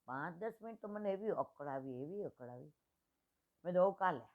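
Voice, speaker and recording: Older woman storyteller at a devotional gathering, lowish voice, retells dialogues in homely speech, tinny phone-like sound. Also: lively intonation, a little fast. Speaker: satsang speaker.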